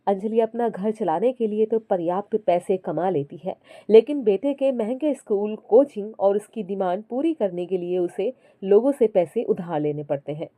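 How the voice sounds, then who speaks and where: A woman telling a scripted story in a calm, even narrating voice. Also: mid-range voice, normal speed, few pauses, dry recording.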